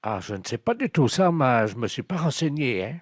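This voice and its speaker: A man playing a nonchalant middle-aged angler in a phone prank, casual and deadpan. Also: medium pitch, a little fast, dry recording, studio quality. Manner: casual, unbothered, deadpan absurd.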